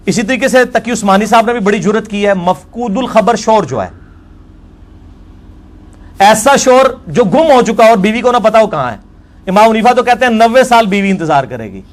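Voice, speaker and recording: A man delivering a religious lecture, reading out quoted passages slowly and commenting forcefully. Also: high voice. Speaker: religious scholar.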